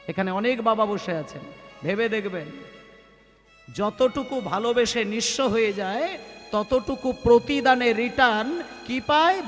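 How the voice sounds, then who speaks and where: A man's voice: extremely high pitch, fairly bright tone, big-room sound. A man with a Bengali accent preaching a devotional sermon at a kirtan gathering, asking the audience rhetorical questions.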